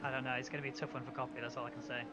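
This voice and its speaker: A man giving live sim racing commentary as a motorsport commentator, with excitable calls. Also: medium pitch, racing, heavy background noise.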